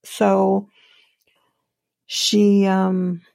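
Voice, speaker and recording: Slow, gravelly-voiced opinionated woman. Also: mid-range voice, completely flat delivery, mellow, no room sound. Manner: opinionated, chatty, frequent "like" and "um", laughs at her own asides. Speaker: podcast host recapping a reality show. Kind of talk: casual chat.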